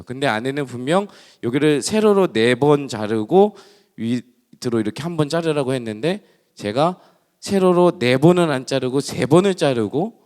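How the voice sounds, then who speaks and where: Male pastor in his 30s, lively storytelling sermon, mid pitch, big church reverb. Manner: lively storyteller, acts out dialogue. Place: church hall. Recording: long reverb of a church hall.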